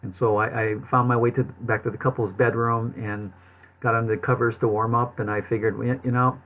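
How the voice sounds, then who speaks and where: A man telling his personal story to viewers in a halting way, with a slight lisp and numb-lipped speech, as if numb from the dentist. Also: mid-range voice, little pitch movement. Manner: halting, with long pauses and repeated words. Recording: thin, phone-like narrowband sound.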